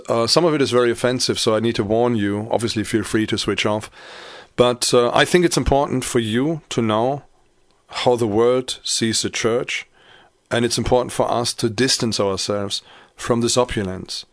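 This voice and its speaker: A man speaking as a pastor, earnest and measured, warning his listeners before a clip. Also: medium pitch, a bit bright, dry recording, studio quality. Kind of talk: sermon-like commentary.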